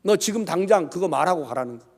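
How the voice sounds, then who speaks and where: A male pastor voicing an angry, grieving middle-aged father who shouts at him. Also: high voice, lively intonation, fast talker. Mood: furious.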